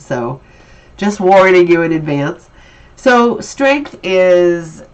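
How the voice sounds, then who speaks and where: A woman's voice: fairly low pitch, rough recording. A woman with a stuffy, nasal voice from allergies, giving an upbeat and encouraging tarot reading in a casual, chatty way. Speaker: tarot reader.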